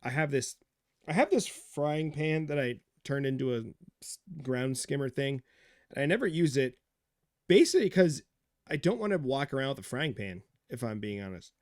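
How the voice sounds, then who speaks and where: Male podcast co-host, playful storyteller, mid-pitched, dry studio sound. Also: normal speed, no room sound. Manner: animated storyteller, joking, does silly voices. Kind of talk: casual chat.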